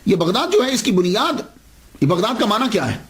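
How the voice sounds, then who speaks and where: Male preacher, high voice, emphatic sermon storytelling, rhetorical questions. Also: very animated, a little fast, fairly bright tone.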